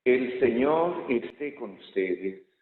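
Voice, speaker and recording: A man as a priest reading the Gospel at Mass and giving a homily in a measured way, pausing to think, with a cathedral echo around him. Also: medium pitch, lively intonation. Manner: measured reading, thoughtful homily with pauses and fillers. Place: large church. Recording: echoey church hall, tinny phone-like sound.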